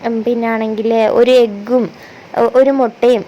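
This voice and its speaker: A woman's voice: a little high, little pitch movement, unhurried, muffled recording, a little hiss or hum. A mother narrating a family vlog in a chatty way, explaining step by step and correcting herself as she goes. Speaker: vlogger and mother.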